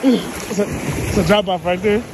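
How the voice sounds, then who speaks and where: A vlogger filming at the beach on a phone, talking casually and excitedly with slang and frequent laughter. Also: mid-range voice, normal speed. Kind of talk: casual vlog chat. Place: beach, standing in the surf. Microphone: handheld phone camera. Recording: wind and surf noise outdoors.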